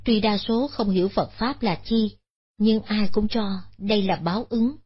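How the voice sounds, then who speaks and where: A woman narrating a Buddhist moral story in a calm, even storytelling manner. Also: medium pitch, unhurried, breathy edge. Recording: dull lo-fi audio.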